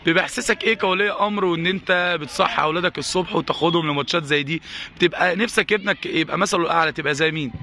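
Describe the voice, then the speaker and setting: A man's voice: rapid-fire, bright, forceful tone. A man with an Egyptian accent interviewing parents at an outdoor football ground, reeling off formulaic questions. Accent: Egyptian Arabic. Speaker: pitch-side reporter. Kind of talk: sports coverage interview. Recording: noisy outdoor pitch-side recording.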